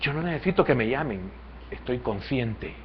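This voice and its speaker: Male pastor, Salvadoran accent, sermon, quiet reasoning swelling into fervor, muffled lo-fi sound. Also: expressive, moderate pace, a little hiss or hum. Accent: Salvadoran Spanish. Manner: swings between quiet, low reasoning and loud, high fervent passages.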